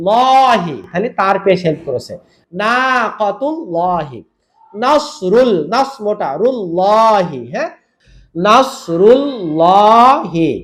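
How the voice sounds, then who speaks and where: A man teaching Quran recitation in a tajweed lesson. He drills syllables, asks the viewer quick questions and draws out recited words slowly. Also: high-pitched. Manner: repeats drills, quizzes the viewer.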